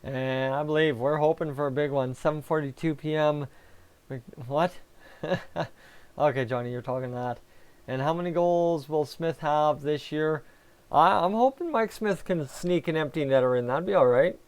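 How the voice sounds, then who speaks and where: A man's voice: on the high side, normal speed, clear, resonant tone. A man hosting a live hockey fan reaction stream, chatting casually and answering viewers while talking with a sore, raw tongue. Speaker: fan livestream host.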